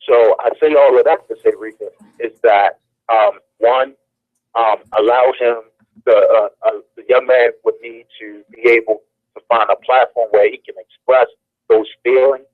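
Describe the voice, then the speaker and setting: A man's voice: medium pitch, fairly even intonation, measured pace, no room sound. An earnest man giving advice on a radio show, telling a personal story and repeating phrases for emphasis, heard over a telephone. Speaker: guest on a call-in radio show. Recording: tinny phone-line sound, dry.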